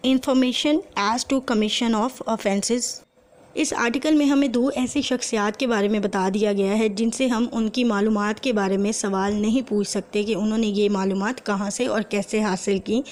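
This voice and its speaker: A law lecturer with a Pakistani accent teaches in a methodical, explanatory style, reading out formal text and translating it. Her medium-pitched voice is a little mellow, and she slows down deliberately when reading quoted passages.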